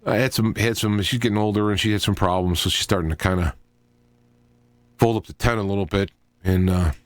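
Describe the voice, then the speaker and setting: Thinking out loud on his informal solo talk radio show, a middle-aged host speaks haltingly and drifts into digressions. His voice sits on the low side, and the recording is dry.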